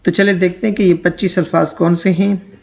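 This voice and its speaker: A man teaching English pronunciation, speaking slowly and deliberately on the model words and example sentences. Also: high voice, flat delivery, gravelly.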